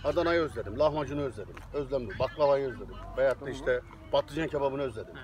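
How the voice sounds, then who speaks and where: A man's voice: medium pitch, quick pace. A man chatting casually outdoors, rambling and laughing easily as he talks about cooking for visitors. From Turkey. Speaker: interviewee, Turkish cook living abroad.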